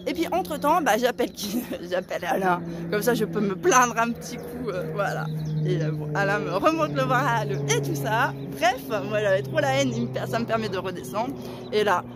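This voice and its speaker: A woman in her forties telling a story in a casual vlog, animated and dramatic, with a sore throat that keeps her softer than usual. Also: a little high, normal speed, very noisy. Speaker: vlogger.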